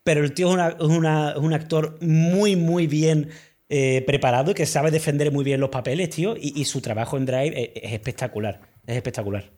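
Man, casual film chat, enthusiastic, slangy, slightly high voice. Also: fairly even intonation, brisk, a little mellow. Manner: enthusiastic, uses slang and filler words.

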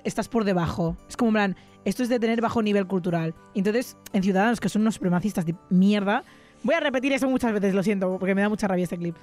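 Fast, outspoken woman with a Catalan accent. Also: medium pitch. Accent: Catalan-accented Spanish. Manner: outspoken, swears freely, fast. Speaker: podcast co-host. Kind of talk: casual chat.

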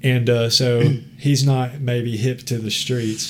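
A man's voice: mid-range voice, flat delivery, takes it slowly, darkish tone, slight background noise. A man hosting a podcast, telling a long story in a rambling, casual way, laughing often and swearing freely. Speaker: podcast host.

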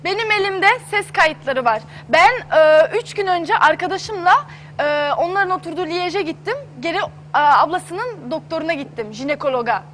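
A woman's voice: extremely high pitch, animated, normal speed, a bit bright, a little hiss or hum. A young woman on a talk show, pleading and insistent as she tells her side through tears. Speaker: guest on a daytime talk show. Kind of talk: emotional testimony.

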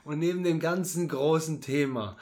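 A young man with a slightly raised pitch co-hosts a casual podcast. He rushes through his points, restarts his sentences often, and bursts into loud acted-out quotes. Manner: hurried, restarts often, acts out quotes loudly. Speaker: podcast co-host. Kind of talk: casual chat.

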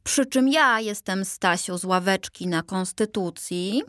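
A slow, kindly old gentleman statue from a storybook, as a woman reads him, calm and wise. He drawls his old-fashioned words gently in a close, dry sound. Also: mid-range voice, dry recording, close to an everyday voice.

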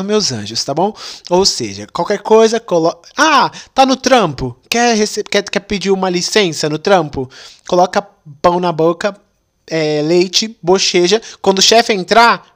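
A young man, hosting a podcast and telling comic stories in an animated, playful way full of slang. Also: high voice, moderate pace. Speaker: podcast host. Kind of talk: comic storytelling. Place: podcast studio. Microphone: studio mic with headphones.

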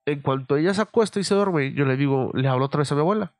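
A man's voice: fairly high pitch, rapid-fire, darkish tone, dry recording, clean studio sound. Profane Mexican guy telling a story. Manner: profane, loose, full of fillers. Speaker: podcast host. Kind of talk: casual storytelling.

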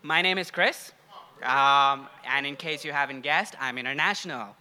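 Against a noisy background, a young adult grad student from Sri Lanka and India gives a casual sermon as guest preacher, telling personal stories to the congregation. He speaks at medium pitch and a moderate pace.

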